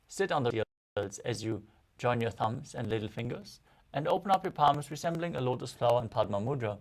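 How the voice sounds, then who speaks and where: A man with a mid-pitched, gravelly voice leads a guided yoga practice as the instructor. He gives each direction in a measured, instructional way, with fry running through the words. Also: expressive.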